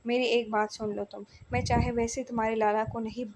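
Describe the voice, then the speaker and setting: A woman's voice: fairly high pitch, fairly even intonation, fairly quick, background noise, lightly acted. A woman voicing an angry, protective young husband in a storybook romance, speaking sternly. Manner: stern and scolding, then coaxing.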